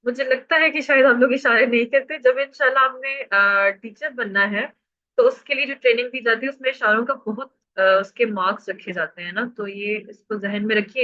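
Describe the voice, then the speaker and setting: A woman's voice: on the high side, bright, forceful tone. A woman teaching a classroom grammar lesson. She drills verb conjugations, prompts her students for answers and praises them when they get it right. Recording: muffled lo-fi audio.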